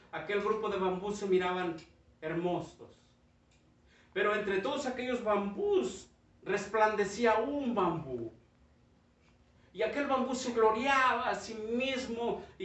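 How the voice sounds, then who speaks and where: A man's voice: sits high, distant mic. A male preacher delivering a sermon, telling a parable with rising intensity. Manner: storytelling, builds in intensity. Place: church hall. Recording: echoey dull church sound from afar.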